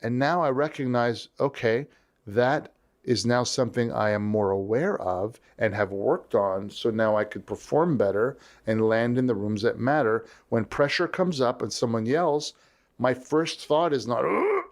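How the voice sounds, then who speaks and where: A man talking as an interview guest, with an animated storytelling manner. He acts out the voices of people he quotes, and his pitch moves around a lot as he explains his points. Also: normal speed. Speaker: leadership strategist guest. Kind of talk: conversational interview.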